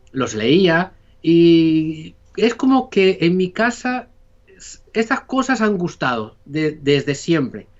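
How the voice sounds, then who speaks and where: A man's voice: a little high, highs cut off. A man from Spain with a Spanish accent, a podcast guest telling his story in a casual, rambling way full of fillers. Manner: rambling, many fillers and restarts. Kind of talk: casual conversation.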